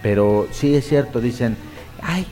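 A man's voice: medium pitch, expressive, a little slow, mellow, faint music behind. A man from Mexico with a Mexican accent, in his thirties, hosting a casual interview in a playful, joking way. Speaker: host.

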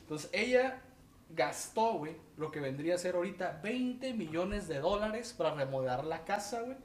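A man with a Mexican Spanish accent hosting a casual podcast, telling a story in an animated way and peppering it with slang fillers. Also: high voice, moderate pace, distant mic. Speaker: podcast host. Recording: echoey room, off-mic.

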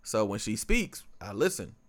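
Low-ish guy rambling on a podcast, lots of um and like, restarts a lot. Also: sing-song, moderate pace. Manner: rambling, full of fillers and restarts. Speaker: podcast co-host. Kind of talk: casual podcast conversation.

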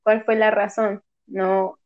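Speaking slowly and flatly in a mid-range voice, this woman keeps the conversation casual and chatty, often ending sentences with "¿sabes?". The recording sounds a little dull and lo-fi.

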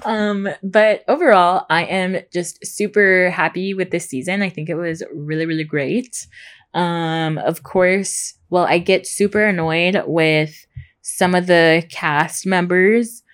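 Chatty lady podcaster, kinda low voice, says her r's a bit like w's, rambly casual recap style. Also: steady tone, slow pace. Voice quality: soft R's, pronounced close to W. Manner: rambling, gushing informal talk with frequent "like" and "super". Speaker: podcast host.

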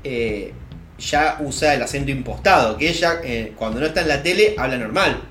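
A man's voice: medium pitch, animated, normal speed, a bit bright. A man with a Rioplatense accent co-hosting a casual comedic chat, playful and teasing as he tosses in trivia. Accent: Rioplatense Spanish. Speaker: co-host. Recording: roomy, faint music behind.

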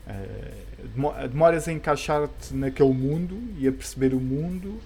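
Mellow European Portuguese man, rambling casually. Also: mid-range voice, moderate pace. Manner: hesitant, rambling, colloquial. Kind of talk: casual chat about comic books. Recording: background music under the voice.

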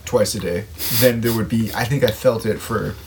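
A man's voice: on the low side, steady tone, moderate pace, noisy background. A man musing informally in a casual philosophical conversation.

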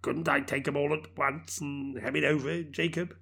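A man voicing a fearful, humbled old miser with a low, faltering voice. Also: animated, moderate pace, vocal fry, fairly bright tone, husky, exaggerated voice.

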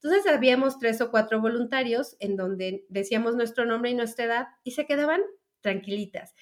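A woman's voice: on the high side, brisk. Chatty Mexican woman telling a story. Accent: Mexican Spanish. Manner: chatty, with frequent fillers and restarts. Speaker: speaker on feminine energy. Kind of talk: casual storytelling monologue to an audience.

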